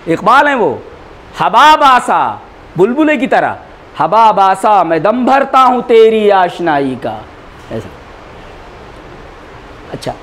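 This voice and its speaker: A man teaching a class in a lecture style, repeating words slowly for students to write down. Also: very high voice, a bit bright. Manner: slow, repeats words for dictation. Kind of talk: classroom lecture, dictating notes.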